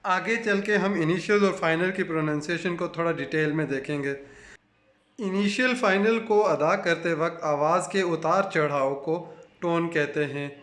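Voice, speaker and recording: A man with a Pakistani Urdu accent narrating a language lesson in a measured, explanatory way. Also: on the high side, a bit bright, reverberant. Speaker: language teacher.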